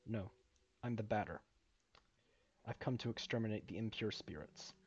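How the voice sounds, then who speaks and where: A grim, tight-lipped male purifier on a mission, voiced by a man reading game lines, answering in low, clipped phrases. His tone is husky. The recording is dull and lo-fi. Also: normal speed, darkish tone. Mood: curt.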